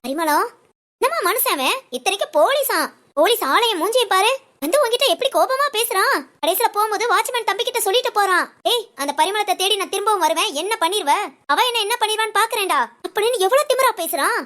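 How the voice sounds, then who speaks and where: A woman's voice: very high-pitched, expressive, fast, sharp tone, heavily acted. A woman voicing a chatty, teasing woman friend at an ashram who scolds and gossips. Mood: scolding. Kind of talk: audio story dialogue.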